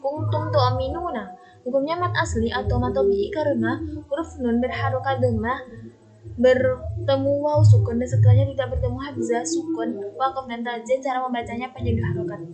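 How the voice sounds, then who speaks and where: A young university student with a high voice reads a recorded tajwid assignment, explaining the rules of recitation in a steady, recitation-like manner. She draws out quoted Quranic words slowly, and the audio quality is poor.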